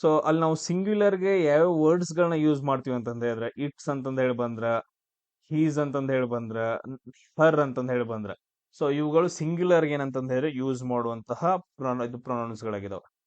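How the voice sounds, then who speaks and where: A man's voice: mid-range voice, a little fast, a little mellow, no echo, muffled recording. A man teaching exam grammar, asking and answering his own questions. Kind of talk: classroom-style grammar lesson.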